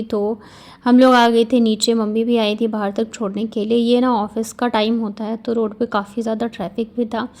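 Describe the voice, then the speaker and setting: A woman's voice: a little high, darkish tone. A woman vlogger narrating in a chatty, confiding and heartfelt way, full of casual fillers.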